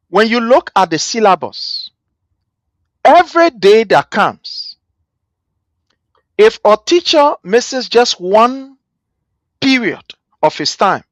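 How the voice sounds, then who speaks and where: A man with a Liberian accent hosting a livestream panel, speaking in a lively, rhetorical way and calling panelists brother. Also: high voice, no echo. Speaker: host.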